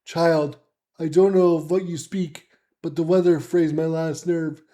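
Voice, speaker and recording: A man's voice: fairly high pitch, level tone, unhurried, mellow, close to an everyday voice. A man voicing a stern, impatient armored guard calling down from a city wall. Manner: formal, impatient.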